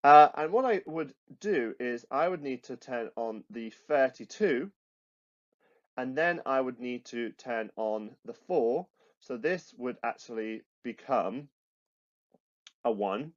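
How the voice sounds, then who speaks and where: A man's voice: medium pitch, lively intonation, slow, highs cut off. A man with a British accent teaching computer science to students over slides, explaining step by step with frequent restarts and fillers. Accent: British English. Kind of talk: recorded classroom lesson with slides.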